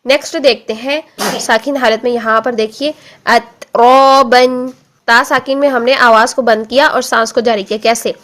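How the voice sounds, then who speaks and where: A woman teaching Quran recitation, explaining calmly and repeating letter sounds again and again for practice. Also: a little high. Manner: explains slowly, drills letter sounds with many repetitions; stretches demonstration words very slowly. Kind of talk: tajweed lesson.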